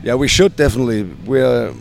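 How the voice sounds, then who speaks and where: A German-accented man who sings in a punk band answers interview questions hesitantly, often restarting and laughing softly. His mid-range voice is creaky and runs a little fast.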